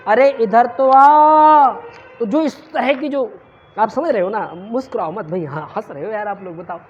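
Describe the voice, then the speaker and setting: A woman teaching Sanskrit in a classroom lecture, quizzing her students and answering her own questions, sometimes stretching sounds out to demonstrate them. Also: medium pitch. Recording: muffled lo-fi with faint noise.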